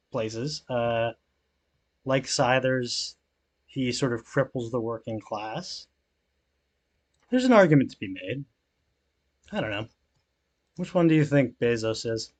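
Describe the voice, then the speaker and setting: A young man chatting casually while streaming a game, rambling with lots of fillers and swearing, and reading out and answering viewer messages. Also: medium pitch. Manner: reads chat aloud and answers it. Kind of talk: relaxed gameplay stream chat.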